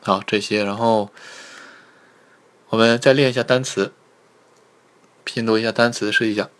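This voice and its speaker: A male language teacher giving a livestreamed pronunciation lesson, patiently sounding out syllables and repeating them slowly. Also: lowish voice, steady tone, fairly bright tone. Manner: patient, repeats syllables slowly, asks viewers to type in chat.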